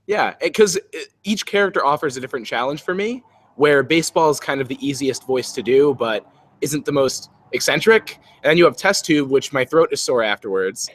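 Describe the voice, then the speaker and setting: A man's voice: mid-range voice, lively intonation, brisk. A man co-hosting a livestream, rambling and joking at his own expense. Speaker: co-host, voice actor. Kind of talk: casual livestream chat.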